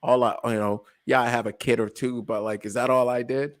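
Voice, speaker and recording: A man in his late twenties co-hosting a podcast, chatting casually in an animated, joking way, with frequent stammered restarts and laughter. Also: mid-range voice, brisk. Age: late 20s. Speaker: podcast co-host. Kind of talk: casual chat.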